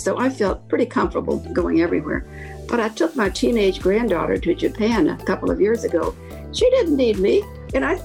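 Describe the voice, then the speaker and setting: A woman's voice: on the high side, creaky, darkish tone, rough recording. An older woman with a slight Kentucky accent, telling anecdotes in a reflective, rambling way as an interview guest. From Kentucky, Appalachia. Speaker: interview guest, author and academic.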